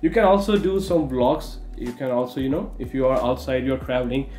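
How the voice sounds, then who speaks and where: Here the same kind of speaker, a young tech reviewer from India whose first language isn't English, unboxes a gadget casually in accented English, leaning on "you know" a lot. His voice sits in the mid-range with a darkish tone and a fairly quick delivery. Soft background music plays in his echoey, curtained indoor studio.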